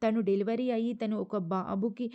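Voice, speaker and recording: A woman's voice: on the high side, steady tone, normal speed, mellow, smooth, lo-fi sound, lightly acted. A woman voicing a stern elderly man from a TV serial who declares his vows firmly. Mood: resolute. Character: stern elderly man, protective grandfather, resolute.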